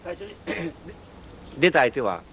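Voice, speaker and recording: An interviewer asking a brief, quiet question. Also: medium pitch, sing-song, slow, a little hiss or hum.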